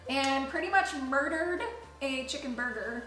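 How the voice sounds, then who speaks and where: A woman's voice: high voice, normal speed. A young woman chatting casually to camera as a co-host, candid and playful, with dramatic emphasis. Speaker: video creator, co-host. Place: indoors at home. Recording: roomy echo, faint music behind.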